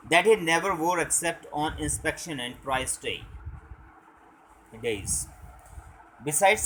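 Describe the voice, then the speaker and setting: A young male teacher reads a story passage aloud, then explains it in his own words. He talks very slowly in a fairly high voice, stopping often with "uh" and "okay". A faint noise sits under his voice. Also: fairly bright tone, rough recording. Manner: halting explanations full of "uh" and "okay".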